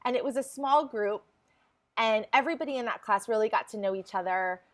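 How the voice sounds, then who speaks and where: Speaking a little fast at a fairly high pitch, a woman in her forties from New Jersey shares her story as a podcast guest. The interview is casual and chatty, full of her laughter and restarted phrases.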